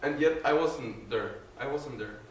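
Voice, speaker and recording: Unhurried and medium in pitch, a young Guatemalan man tells his personal faith testimony as a student, earnestly but hesitantly, with frequent fillers and restarts. A distant recorder with no mic caught it from far off in a large, echoey room with an audience; slight background noise is present.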